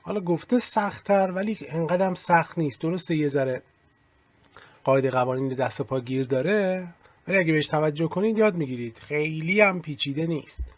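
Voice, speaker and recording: A man's voice: a little high, dry recording. Dry-voiced man teaching grammar. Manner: explains in Persian, reads English examples slowly and carefully. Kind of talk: recorded lesson explaining grammar.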